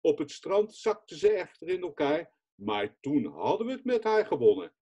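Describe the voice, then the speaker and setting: A man's voice: on the high side, huge pitch swings, normal speed, husky, exaggerated voice. A man voicing a sixty-year-old lifeguard who tells his rescue bluntly and barks short commands. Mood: earnest. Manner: plain-spoken, calls out sharp commands. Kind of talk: read-aloud newspaper quote.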